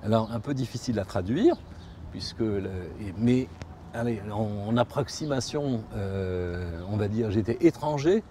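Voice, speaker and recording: Speaking haltingly and thoughtfully, this Spanish-speaking man, interviewed for a reflective documentary, keeps repeating and rewording things while searching for the right expression. He has a fairly low, mellow voice, and a little hiss or hum runs underneath.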